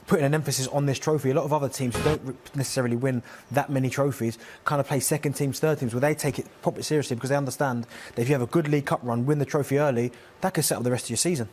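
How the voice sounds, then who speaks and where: A man's voice: medium pitch, fairly even intonation, very fast, few pauses, darkish tone, a little hiss or hum. A man giving conversational football punditry in a studio discussion.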